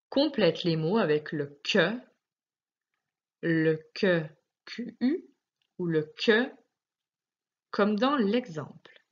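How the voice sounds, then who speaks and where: Slow sing-song French teacher woman. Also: lowish voice, lo-fi sound. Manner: slow, clearly articulated, sing-song emphasis on words. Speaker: primary school teacher. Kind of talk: recorded phonics lesson for young children.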